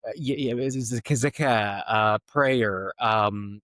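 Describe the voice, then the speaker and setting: A man's voice: lowish voice, slow pace, a bit bright, dry recording, studio quality. A man hosting a podcast conversation, thoughtful and searching as he frames his questions. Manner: thoughtful, searching, many fillers and restarts. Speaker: podcast host.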